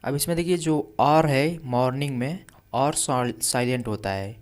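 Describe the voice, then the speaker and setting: A man teaching English reading in Hindi, patiently repeating each word with its meaning and reading story words out slowly. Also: mid-range voice.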